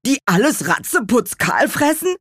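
Woman doing a brisk little apple chief. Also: on the high side, big pitch swings, a bit bright, slightly rough, no room sound, studio quality, voice pushed up, exaggerated voice. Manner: brisk, practical and sighing. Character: busy male chief of the apple manikins.

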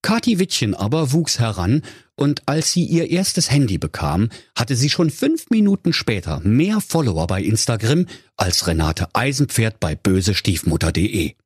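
A man's voice: medium pitch, sing-song, moderate pace, husky, no room sound, clean studio sound. A man telling a comic fairy-tale parody in a mock-solemn storyteller tone.

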